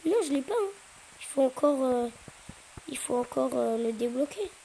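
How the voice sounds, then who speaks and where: High-voiced woman, gameplay chatter. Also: moderate pace, vocal fry, a little hiss or hum, rough recording. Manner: chatty, hesitant fillers, sudden excited yelps. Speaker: gaming YouTuber. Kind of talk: casual gameplay commentary.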